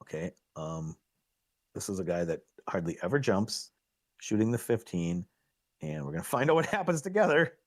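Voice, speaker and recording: A middle-aged man giving excitable, coaching commentary on a live pool match, laughing at himself often. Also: fairly low pitch, moderate pace, creaky.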